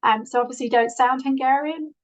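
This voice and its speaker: A woman's voice: high voice, a little fast, highs cut off. A woman with a Yorkshire accent, presenting to an online meeting in an earnest way with many fillers and restarts, heard over a video call. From England. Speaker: guest presenter.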